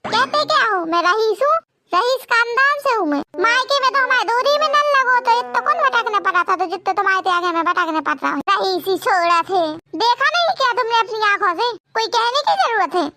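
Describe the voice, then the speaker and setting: A woman voicing a lazy, sharp-tongued village wife who scolds and boasts in rustic dialect in a cartoon. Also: very high-pitched, lively intonation, moderate pace, background noise. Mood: scolding. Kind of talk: cartoon voice acting.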